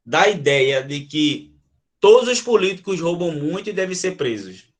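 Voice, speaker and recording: A man's voice: a little high, big pitch swings, normal speed. A man teaching a grammar lesson to a class, checking in with the students and restating his examples. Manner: checks in with listeners, often adding "tá?".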